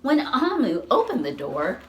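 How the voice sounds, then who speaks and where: A library storytime reader, a woman with a high voice, reads a picture book aloud to young children, slowly and with animation. She reads expressively and asks her listeners questions. There is background noise.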